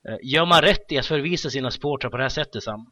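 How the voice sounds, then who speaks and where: A man's voice: medium pitch, sharp tone, no echo. A man hosting a podcast discussion, steering the talk with questions to his panelists. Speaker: podcast host. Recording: dry, dull lo-fi sound.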